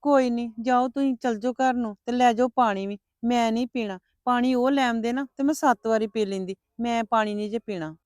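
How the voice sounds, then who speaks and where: A woman's voice: a little high, brisk, few pauses, darkish tone, no echo, studio quality, natural voice. A woman playing a hurt, stubborn young wife who sulks and refuses help. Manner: sulky, refusing. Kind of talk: family drama acting.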